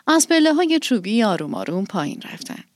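A woman narrates a storybook calmly, her voice measured and gently expressive at a middle pitch. The recording is close and very dry. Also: no room sound. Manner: calm, measured, softly expressive.

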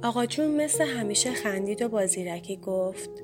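A woman narrating a story in the first person with an expressive telling. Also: mid-range voice, over music.

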